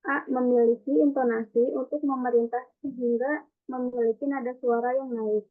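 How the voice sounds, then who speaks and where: A young woman student presents class notes, reciting them carefully and evenly. Her voice sits fairly high. The recording sounds thin and tinny, like a phone line. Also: moderate pace. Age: young adult. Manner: even, careful recitation of a script.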